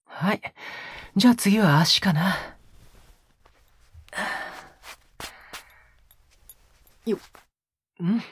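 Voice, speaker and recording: In an intimate audio drama, a woman voices a soft-spoken, possessive young man, coaxing and falsely sweet. Her breathy, medium-pitched delivery is unhurried and often sinks to a whisper.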